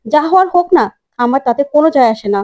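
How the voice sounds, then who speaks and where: A woman voicing an angry, protective middle-aged mother who snaps back fast. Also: high voice, animated. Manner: fast, sharp, refusing.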